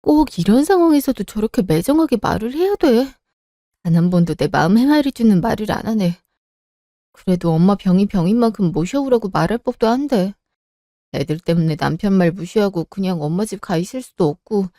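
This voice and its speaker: A woman's voice: medium pitch, animated, brisk, warm tone, no room sound, clean studio sound, natural voice. A woman playing a worried young wife and mother who pleads to care for her sick mother, in a radio drama. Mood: frustrated. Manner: pleading, anxious.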